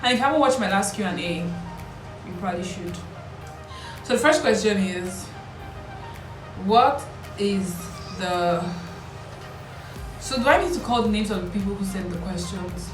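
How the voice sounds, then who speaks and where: Unhurried and pausing often, a twenties-aged vlogger from Lagos speaks in a medium-pitched voice with a Nigerian accent. She chats playfully and casually to camera, fielding questions in a small, bare-walled indoor room; the recording has a roomy echo, distant mic placement, and music in the background.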